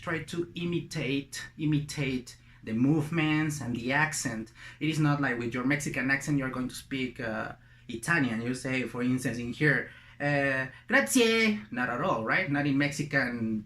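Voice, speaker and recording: A man's voice: a little high, a bit bright. Man teaching in an echoey room. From Latin America. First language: Spanish. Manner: encouraging, repeats words and phrases for practice. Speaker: language teacher. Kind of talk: casual spoken lesson. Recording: roomy echo.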